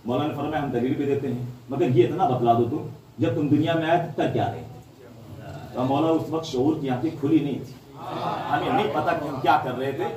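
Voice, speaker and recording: A man's voice: fairly high pitch, a little mellow, slight background noise. A man giving a dramatic devotional sermon at a mourning gathering, telling a story and repeating lines for emphasis. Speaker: majlis orator. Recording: echoey hall, far mic, crowd.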